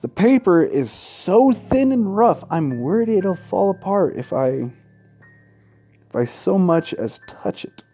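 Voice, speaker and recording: A let's play host with a high, mellow voice reads a horror game aloud slowly and with great animation, in a dramatic style. He breaks off for crude, profane ridicule while game music plays behind him.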